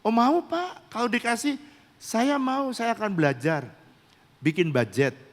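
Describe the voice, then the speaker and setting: A man's voice: very high-pitched, expressive, measured pace, voice pushed up. A man voicing a tearful wife who has been married eighteen years, heard through a long church-hall reverb. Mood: eager. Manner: pleading, earnest, eager.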